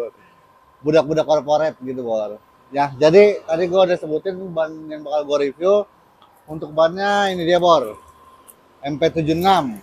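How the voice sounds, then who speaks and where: A man with a Jakarta Indonesian accent and a husky voice, hosting a casual, slangy product review as if chatting with buddies. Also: a little high, a little mellow, rough recording. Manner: slangy, chummy address to viewers. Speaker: host of a tyre review channel. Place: busy tyre workshop.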